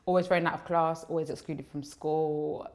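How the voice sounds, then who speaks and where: A woman speaks in a low register with an urban London accent. Her talk is casual and full of roadman slang, as a guest telling her own story in an interview. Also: steady tone, normal speed, crowd noise. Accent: London, urban street slang.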